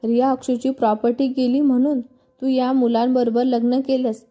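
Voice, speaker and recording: A woman's voice: sits high, flat delivery, normal speed, dark tone. A woman voicing a stern father who reproaches his daughter, in a storybook reading. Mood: reproachful. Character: stern disappointed father of a bride.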